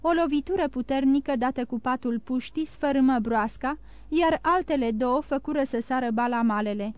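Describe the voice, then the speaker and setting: Audiobook narrator, female, high pitch, steady storytelling read, dry studio. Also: clean tone, dry recording. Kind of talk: scripted narration.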